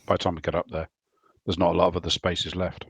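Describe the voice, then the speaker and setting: A man with a fairly low voice talks tactics casually in game voice chat. The sound is dry and close. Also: little pitch movement, fast talker, creaky, slightly rough, no room sound. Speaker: player.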